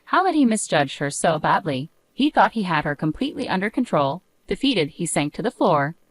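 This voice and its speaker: A woman narrating a drama story in a scripted, expressive storytelling voice. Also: on the low side, brisk, no room sound, rough recording.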